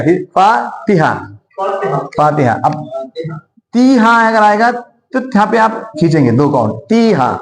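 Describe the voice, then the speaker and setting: A man teaching a Quran recitation class, drilling pronunciation, quizzing his students and repeating each word slowly. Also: high voice, echoey room, low-quality recording. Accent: Indian Hindustani.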